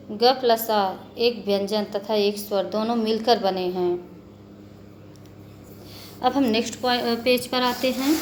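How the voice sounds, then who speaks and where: A woman teacher walks children through a grammar lesson, slowly and patiently, with a slightly high voice. She spells out letters one by one and repeats her points. Faint noise hums behind her. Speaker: school teacher.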